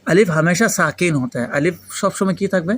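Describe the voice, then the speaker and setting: A man from Pakistan, whose native language is Urdu, teaches Arabic grammar with a Pakistani accent in a learner's Bengali mixed with Urdu. His voice is high-pitched and a little fast. In this interactive lesson he explains, repeats and quizzes students with questions.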